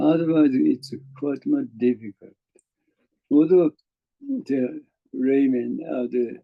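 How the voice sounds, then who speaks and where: A man with a Japanese accent giving a dharma talk as a Zen teacher, halting and full of fillers and chuckles. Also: medium pitch, vocal fry, lo-fi sound.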